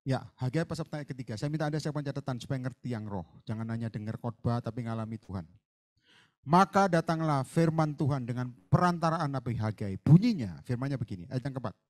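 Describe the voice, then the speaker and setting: A male pastor preaching a sermon, swinging from soft asides to loud fiery exhortation and mixing in English words. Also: medium pitch, animated, fast. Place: church hall.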